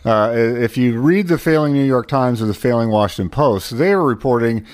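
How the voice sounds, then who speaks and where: A man co-hosting a radio talk show, sardonic and animated as he talks. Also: medium pitch, fairly quick.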